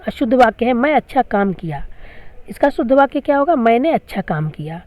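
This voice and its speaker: Higher-voiced woman teaching grammar patiently. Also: big pitch swings, fairly quick, darkish tone, no room sound. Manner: patient, repeats each question and answer. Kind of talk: classroom grammar lesson.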